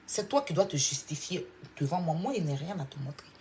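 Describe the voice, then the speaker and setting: A woman from Côte d'Ivoire with an Ivorian French accent, delivering a confrontational, mocking monologue that swings from loud outbursts to low scolding. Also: animated, brisk, a little hiss or hum. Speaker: online commentator. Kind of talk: heated clash monologue.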